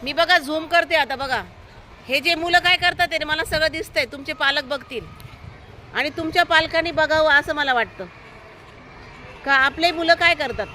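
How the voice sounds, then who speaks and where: A woman's voice: high voice, moderate pace, pushed and bright, slight background noise. A woman teaching a class of young children, telling a story and asking them constant questions, with firm, encouraging instructions. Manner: asks the children constant questions, coaxing answers. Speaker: primary school teacher. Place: school, with outdoor traffic noise behind.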